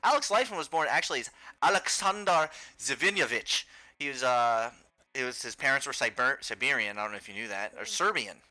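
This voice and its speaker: A man co-hosting a casual music podcast, joking and animated as he tells stories. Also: medium pitch, a little fast, rough recording. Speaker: podcast co-host. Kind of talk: casual chat about music.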